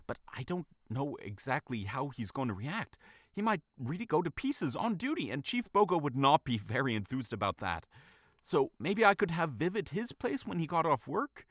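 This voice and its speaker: A man's voice: big pitch swings, normal speed, a bit bright, no room sound, studio quality. A man voicing an eager young female rabbit police officer in a fan story reading. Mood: mulling. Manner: high eager bursts, stammering.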